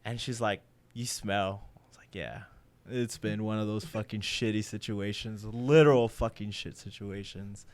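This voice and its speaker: A man in his twenties, co-hosting a casual chat and telling a crude story in an animated way, swearing and laughing as he goes. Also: lowish voice, moderate pace. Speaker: podcast co-host.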